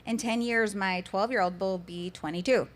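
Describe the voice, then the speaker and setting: A woman in her thirties speaking earnestly as a panel guest, often pausing with "um". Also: mid-range voice. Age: 30s. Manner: earnest, many "um"s. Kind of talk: casual panel talk.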